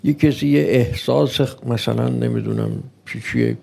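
Gravelly-voiced man preaching slowly. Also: medium pitch, huge pitch swings, dark tone. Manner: slow and deliberate, with rhetorical questions; acts out an imagined opponent's voice. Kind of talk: sermon.

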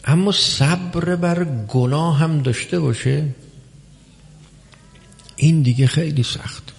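Gravelly-voiced male preacher in a reverberant hall. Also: on the high side. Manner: measured, emphatic, with drawn-out pauses. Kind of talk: religious sermon.

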